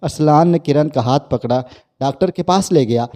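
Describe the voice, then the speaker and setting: A man narrating a scripted family story in a plain, steady way. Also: a little high.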